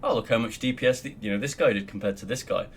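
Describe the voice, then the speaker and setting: A young Australian guild member teaches raid logs in a casual, screen-recorded game tutorial from his desk. He talks fast at a medium pitch, rambling with lots of ums and the odd swear word. Slight background noise is present.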